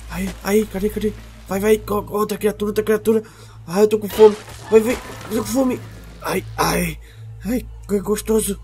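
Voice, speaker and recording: A man's voice: sits high, darkish tone, close to an everyday voice. A man voicing a hungry, clingy newborn creature hatchling that whines and repeats its words in a game role-play.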